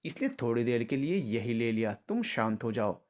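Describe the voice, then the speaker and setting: A man's voice: mid-range voice, big pitch swings, moderate pace, darkish tone, lightly acted. A man voicing a shameless young ex-lover in a storybook drama, smug and coaxing with a threatening edge.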